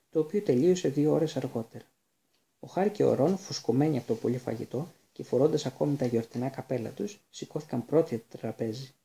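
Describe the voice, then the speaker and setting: Male audiobook narrator, calm and even, dark gravelly tone. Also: medium pitch.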